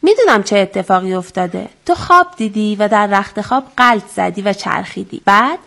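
A woman voicing a busy mother in a children's story, speaking in a brisk, motherly way. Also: medium pitch, lively intonation, gravelly, a bit bright. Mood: soothing. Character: busy mother, gentle then impatient.

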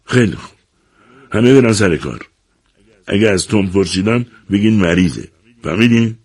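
A man's voice: lowish voice, big pitch swings, breathy edge, pitched above the performer's own voice, exaggerated voice. A man voicing a worried, commanding farm mother in an audiobook reading. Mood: anxious, commanding. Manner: urgent, commanding. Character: worried stern farm mother, middle-aged woman.

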